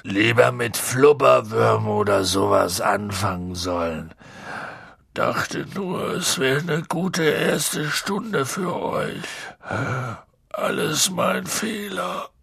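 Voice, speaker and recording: A man voicing a huge, drunk and gloomy half-giant gamekeeper with slow, slurred speech. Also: mid-range voice, expressive, creaky, a bit bright, breathy edge, no room sound, studio quality, exaggerated voice.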